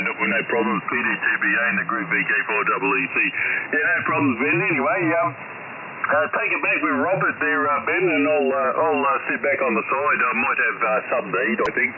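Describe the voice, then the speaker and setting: A man's voice: mid-range voice, brisk, phone-quality sound. An Australian man in a ham radio contact, joking around in a hesitant way with many fillers. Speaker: radio amateur. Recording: hissy shortwave radio signal.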